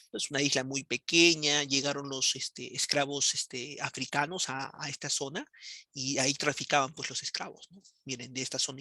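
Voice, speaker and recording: A male history teacher lectures a class over a computer mic. His voice is bright and forceful and sits close and dry in the recording. He keeps firing off rhetorical questions and answers them himself. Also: mid-range voice, vocal fry, no echo. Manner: animated, keeps asking rhetorical questions and acting out students' questions.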